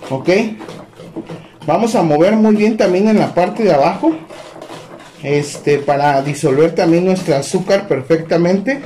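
A man hosting a home cooking demonstration, talking in a relaxed way with lots of fillers as he addresses viewers as friends. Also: on the high side. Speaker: cooking channel host. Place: home kitchen. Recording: echoey kitchen with faint noise.

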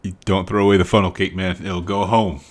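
A middle-aged man from the Southern United States with a Southern American accent hosts reaction videos, talking in a somewhat low, brisk voice with little pitch movement. His casual commentary is emphatic, full of asides and ready laughter, recorded in a small home room on an arm-mounted studio mic while he wears headphones, with faint music behind.

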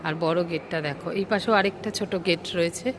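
A woman casually narrating a vlog, pointing things out to viewers, her voice booming with a cathedral-like echo inside a large temple hall. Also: fast talker, background noise. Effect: booming cathedral-like echo in a huge hall. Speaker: travel vlogger.

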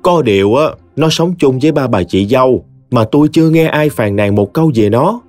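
A man voicing a calm older woman with a Southern Vietnamese accent, counseling patience. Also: medium pitch, a little fast, soft background music, voice pushed up, close to an everyday voice. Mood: cautioning.

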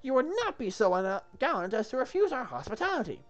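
A woman's voice: fairly high pitch, big pitch swings, a little fast, faint music behind. Woman playing a gushing, flirtatious castle maiden, Zoot. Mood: coaxing, seductive. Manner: theatrical, gushing, insistent. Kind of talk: comic script read-through.

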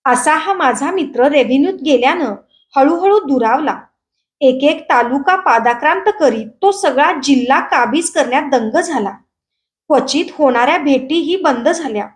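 A woman reading a short story aloud in a steady, expressive storytelling manner. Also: sits high, normal speed. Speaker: story reader.

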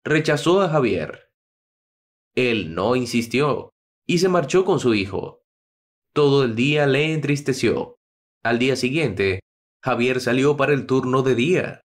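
A man narrating a dramatic story in a steady, scripted reading. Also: medium pitch, a little slow.

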